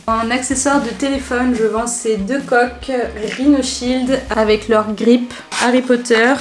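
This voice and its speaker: Chatty young woman, slangy and casual. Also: on the high side. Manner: chatty, informal slang, many fillers. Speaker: vlogger selling clothes. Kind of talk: casual chat, showing items to camera.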